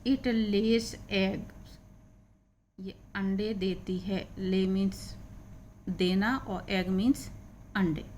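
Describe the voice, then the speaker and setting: A woman's voice: medium pitch, a little mellow, slight background noise. A woman teaching an English reading lesson, patiently spelling out and repeating each word.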